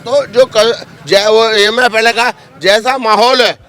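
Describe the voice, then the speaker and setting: A man answering haltingly and conciliatorily, with stammers and restarts, in a street interview. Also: sits high, steady tone, bright, forceful tone. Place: busy city street outdoors.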